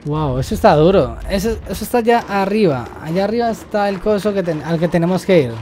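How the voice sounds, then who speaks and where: A young man giving let's-play commentary while he plays, excitable, repeating words in quick bursts and yelping when startled. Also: sits high, slight background noise. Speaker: gamer.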